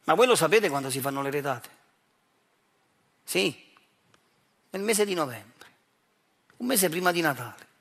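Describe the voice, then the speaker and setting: A high-pitched Neapolitan actor performs a monologue of his own, speaking straight to the audience in a provocative, accusing way full of rhetorical questions. His slightly bright voice is animated but unhurried, with long pauses.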